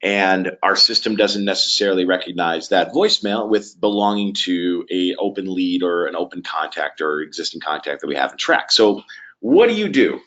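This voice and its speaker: A man with a fairly low voice presents a software webinar, explaining each step conversationally with hesitant pauses along the way. The audio sounds a bit dull and lo-fi.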